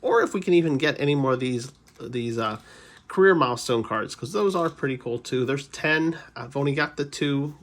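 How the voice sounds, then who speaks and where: A man with a medium-pitched voice, talking at normal speed, hosts a card-collecting channel and casually opens trading card packs. His commentary is chatty, wandering into player trivia and correcting himself as he goes.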